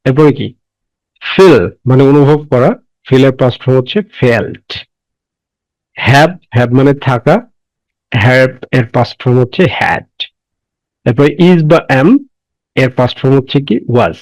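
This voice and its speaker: A man teaching an English grammar lesson, slowly repeating words and answering his own questions. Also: medium pitch, no echo, rough recording. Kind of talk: classroom lesson.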